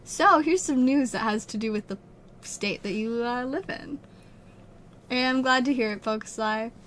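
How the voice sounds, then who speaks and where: With a fairly high, slightly bright voice at a moderate pace, a twenty-year-old streamer from Utah rambles to her livestream audience, giggling and saying "like" a lot. Her throat is strained and her voice is going. A little hiss or hum sits in the recording.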